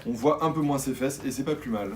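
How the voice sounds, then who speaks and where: A man's voice: mid-range voice, fast, a little mellow, slight background noise. A man co-hosting a casual shop video about new manga, enthusiastic and rambling with hesitations. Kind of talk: casual chat presenting new manga releases. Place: shop indoors.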